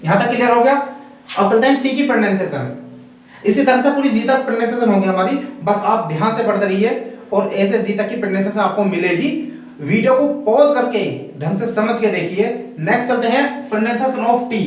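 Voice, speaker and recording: A man from India teaching English pronunciation at a board, slow and repetitive, checking that his students follow. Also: sits high, a little hiss or hum. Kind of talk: classroom lesson explaining at a board. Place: classroom with a board. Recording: roomy echo, far from the mic.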